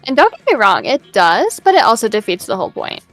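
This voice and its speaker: A woman's voice: mid-range voice, sing-song, fairly quick, a bit bright, faint music behind. A young woman playing a video game with a friend, reacting expressively, swearing casually, and reading out game text. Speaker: gamer.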